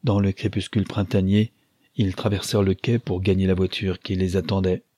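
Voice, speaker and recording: Male audiobook narrator, measured literary reading, husky low timbre, dry sound. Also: little pitch movement, dark tone, no room sound.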